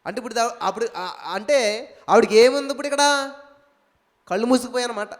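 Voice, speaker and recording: Male pastor, very high-pitched, emphatic sermon delivery with rhetorical questions, echoey hall recording. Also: quick pace. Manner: emphatic preaching with rhetorical questions and shouted hallelujahs. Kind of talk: live evening prayer sermon.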